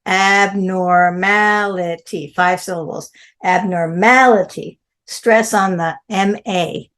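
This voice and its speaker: A woman teaching an online English class, carefully sounding out each word and its stress, speaking over a computer mic. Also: medium pitch. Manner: slow, careful pronunciation of word forms.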